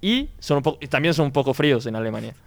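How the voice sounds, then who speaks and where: A man's voice: medium pitch, expressive, rapid-fire, creaky, no room sound. A man with a Mexican accent hosting a podcast, asking questions casually and finishing his guest's sentences. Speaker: podcast host. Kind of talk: casual interview.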